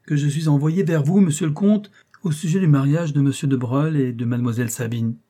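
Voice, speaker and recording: A cunning, falsely humble agent in a period novel, as a narrator puts him on, polite on the surface but quietly menacing. The voice is raised in pitch above the reader's own. The tone underneath stays mellow and husky. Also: male voice, a little fast, close to an everyday voice. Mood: insistent. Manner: deferential on the surface, insistent and threatening. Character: sly, scheming man, a domestic-staff placement agent.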